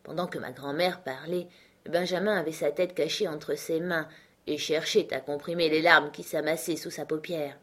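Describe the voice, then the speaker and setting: A woman reading a classic novel aloud as an audiobook, in a measured, composed manner. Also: low-pitched, fairly even intonation. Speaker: audiobook reader. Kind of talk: scripted narration of a classic novel.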